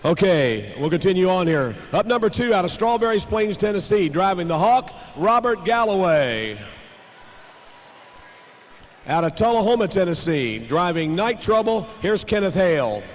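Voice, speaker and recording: High-voiced male tractor pull announcer, booming hall. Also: big pitch swings, moderate pace. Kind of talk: live event announcing of driver line-ups. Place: large indoor arena. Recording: reverberant arena PA, background noise.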